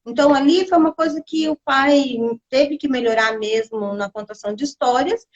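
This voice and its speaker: Woman hosting a live chat, high voice, animated storyteller, dull lo-fi sound. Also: moderate pace. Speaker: host of a live stream. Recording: dull lo-fi live stream audio.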